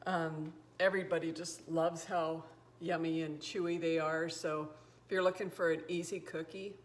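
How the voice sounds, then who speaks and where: A woman's voice: sits low, little pitch movement, moderate pace. An older woman hosting a cooking video, chatting enthusiastically through a recipe with fillers, in a home kitchen. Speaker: cooking show host. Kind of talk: casual recipe demonstration.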